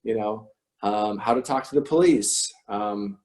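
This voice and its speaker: A man's voice: lowish voice, measured pace, a little mellow, rough recording. A man hosting a casual livestream from home, rambling and emphatic, with many restarts and some swearing. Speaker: host of an online talk stream.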